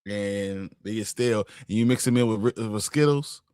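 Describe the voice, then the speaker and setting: Playful male co-host, lowish voice, dry close sound. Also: normal speed, a little mellow, smooth, dry recording. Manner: joking, playfully dramatic. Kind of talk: casual chat.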